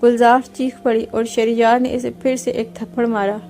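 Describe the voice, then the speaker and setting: A woman reading a novel aloud in steady scripted narration. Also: fairly high pitch, soft background music.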